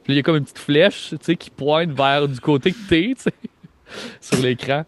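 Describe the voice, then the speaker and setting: A man from Quebec with a Quebec French accent, narrating a tabletop game as game master in a lively, laughing way. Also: on the high side, normal speed, a little hiss or hum.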